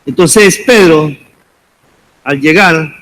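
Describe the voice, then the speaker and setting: A man's voice: fairly high pitch, drawn-out words, a bit bright. A man preaching as pastor, repeating calls to the congregation and addressing them as brother. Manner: preaching with repeated, rising exhortations. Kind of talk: sermon.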